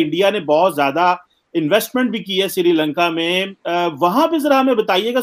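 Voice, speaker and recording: A man hosting an interview, asking long, polite, winding questions with frequent hesitations. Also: high voice. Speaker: interview host.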